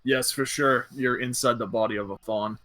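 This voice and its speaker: A man's voice: medium pitch, steady tone, normal speed, sharp tone. A man narrating a tabletop game as game master, easygoing and descriptive, with fillers.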